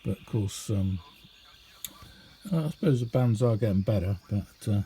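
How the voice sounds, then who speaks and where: A British man, middle-aged or older, offers a loose, unscripted hobby demonstration full of hesitations and easygoing tangents. His dark, fairly low voice is animated and a little slow. It's a clearly noisy amateur home recording.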